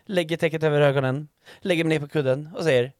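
A man telling an animated comic story as a podcast co-host, swearing a lot and mixing in English phrases. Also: fairly high pitch, no echo, clean studio sound.

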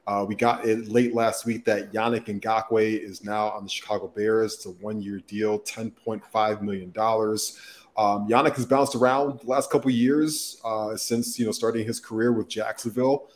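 A man filling in as co-host on a football talk show, setting up questions and giving measured opinions in casual talk. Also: lowish voice, steady tone, slight background noise. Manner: asks questions, then gives measured opinions. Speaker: substitute co-host.

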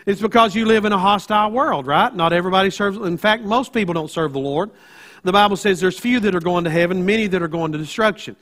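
A man's voice: sits high, fast talker, fairly bright tone. A man with an Appalachian accent preaching a sermon as a pastor, in a folksy storytelling manner, often checking in with his listeners.

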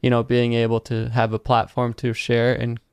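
Smooth, flat-voiced male interviewer. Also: mid-range voice, moderate pace, dry recording. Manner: relaxed, thoughtful, many fillers. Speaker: interview host. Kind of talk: casual interview chat.

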